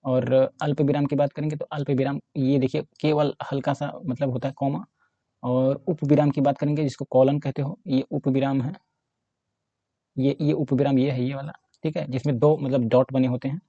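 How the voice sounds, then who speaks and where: A man's voice: mid-range voice, level tone, normal speed, warm tone, no echo, muffled recording. A man teaching a Hindi grammar lesson for exam preparation, explaining step by step while writing and often checking in with his students.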